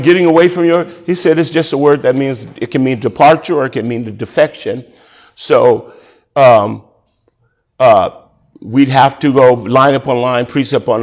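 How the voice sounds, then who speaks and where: A man preaching as a pastor in a Bible study, talking slowly with many fillers and self-corrections. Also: mid-range voice.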